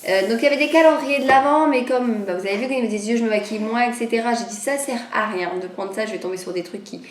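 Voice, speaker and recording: Casting note: woman vlogger, a bit higher voice, slightly nasal, chatty and hesitant, in an echoey room. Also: very fast, a little hiss or hum. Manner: rambling, hesitant, many fillers. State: recovering from a cold. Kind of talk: casual chat.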